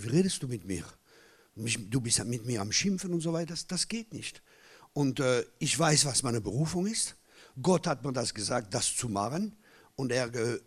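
A middle-aged male pastor preaching with a husky, slightly breathy voice pitched a little above the usual for a man. He hammers points home by repeating phrases and drops from forceful bursts into low, hushed asides. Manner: repeats key phrases for emphasis. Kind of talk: sermon.

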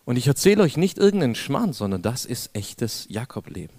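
Animated German-speaking preacher man. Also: medium pitch, a little fast, no echo. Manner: animated storytelling, acts out dialogue, addresses congregation directly. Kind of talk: lively sermon with personal stories. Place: church hall.

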